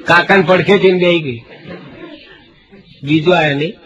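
A man's voice: on the high side, normal speed, dull audio. Gujarati stand-up man telling comic stories. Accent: Kathiawadi Gujarati. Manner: animated storyteller, switches into hushed voices for quoted people. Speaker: stand-up comedian. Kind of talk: Gujarati folk stand-up storytelling.

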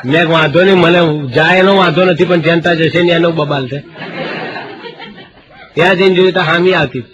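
High-voiced Gujarati stand-up comedian. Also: male voice, a little fast, muffled recording. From Gujarat, India. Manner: animated, acts out quoted voices for jokes. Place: stage before a live audience. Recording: live show with loud crowd laughter.

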